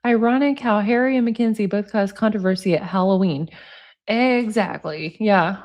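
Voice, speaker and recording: Hosting a chatty livestream, this forties-aged woman talks to commenters and reads texts out loud. She speaks at a normal speed in a mid-range, slightly mellow voice.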